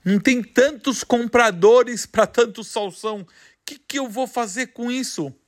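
A man's voice: very high voice, unhurried, voice pushed up. A man voicing an anxious grown farmer who stammers and exclaims in disbelief. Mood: worried.

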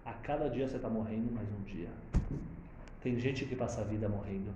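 A man's voice: lowish voice, a little fast, highs cut off. Man, storytelling Torah lesson, chants Hebrew, echoey room with faint noise. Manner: animated, chants Hebrew verses then translates. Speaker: Torah teacher.

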